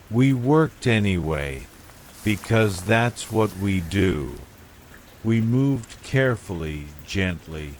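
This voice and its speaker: A man with a very deep voice tells a bedtime horror story in a calm, hushed, measured way. He takes his time over every line, and soft rain falls faintly behind him. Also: slight background noise. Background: falling rain.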